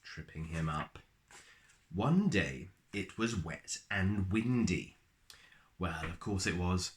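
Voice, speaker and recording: A man with a lowish voice reads a children's picture book aloud as a storyteller. He goes slowly and with great animation, swooping across a wide range, leaving dramatic pauses and drawing out words for effect.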